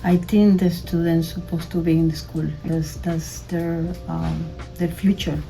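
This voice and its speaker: An older woman from Spain, a native Spanish speaker, answering interview questions as a school attendance clerk in halting, non-native English. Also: fairly low pitch, flat delivery, vocal fry, warm tone, soft background music, poor audio.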